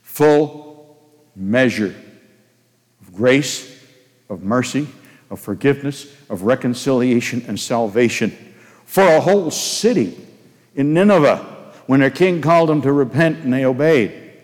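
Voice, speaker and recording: A man's voice: medium pitch, lively intonation, a little slow, long pauses, darkish tone. An older man preaching a sermon, folksy and anecdotal, telling personal stories and asking the congregation questions. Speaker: pastor. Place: church sanctuary. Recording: long hall reverb. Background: long hall reverb.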